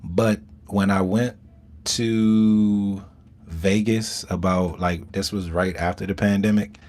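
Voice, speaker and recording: American male, bass-leaning register, slow and halting, casual livestream chatter from a small sauna. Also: steady tone, darkish tone. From Southern Maryland, USA. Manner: halting, rambling, unhurried. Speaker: live streamer. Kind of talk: casual live chat. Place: inside a small home infrared sauna.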